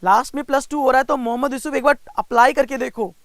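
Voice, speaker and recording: In this dry recording, a very high, fairly bright, steady voice belongs to a young Indian reasoning teacher preparing students for bank exams. Running a live online class in mixed Hindi and English, he calls students by name to coax and tease them. He slows right down to lay out every step.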